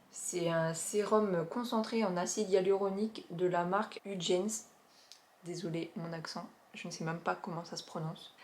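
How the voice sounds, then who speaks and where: A young woman talking casually to camera about skincare products she has used up, chatty and enthusiastic, with many filler pauses. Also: fairly low pitch, a little mellow. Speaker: beauty vlogger reviewing finished products. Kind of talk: casual product review vlog.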